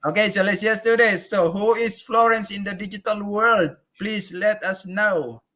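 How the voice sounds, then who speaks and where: A male talk show host with a bright, forceful tone and a fairly high voice. He talks in an upbeat, effusive way, laughing often as he introduces his guest and puts questions to her on a live online show. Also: steady tone, moderate pace.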